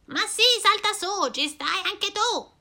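A woman voicing a kind, cheerful young witch in a storybook reading, friendly and lively. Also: very high-pitched, slow pace, creaky, pitched above the performer's own voice, full character voice. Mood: welcoming.

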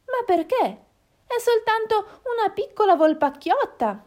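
A woman voicing a kind little hen in a children's storybook, speaking softly and kindly. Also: high voice, lively intonation, normal speed, voice pushed up. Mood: gentle. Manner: soft, kindly.

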